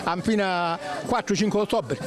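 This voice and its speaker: An older man with a Sicilian accent, explaining traditional work in casual dialect, halting and repeating himself. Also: sits high, crowd noise. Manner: halting, repetitive, colloquial explanations. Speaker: traditional winemaker recalling his work.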